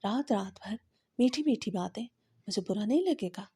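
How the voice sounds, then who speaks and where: A woman's voice: medium pitch, lively intonation, mellow, slightly rough. A woman voicing a bitter, guilt-ridden husband who speaks harshly and makes threats.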